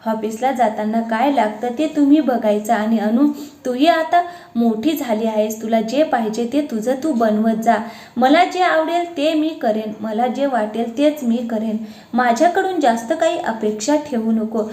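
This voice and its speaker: Woman reading as patient housewife, calm, restrained, storybook, roomy sound. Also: a little high, unhurried, natural voice. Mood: firm. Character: patient tired housewife, firm and quiet.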